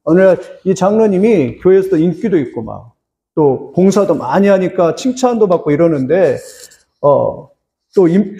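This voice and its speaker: A man's voice: sits high, dark tone, reverberant, a little hiss or hum. A male pastor preaching a sermon, telling a story in an earnest tone and putting questions to the congregation.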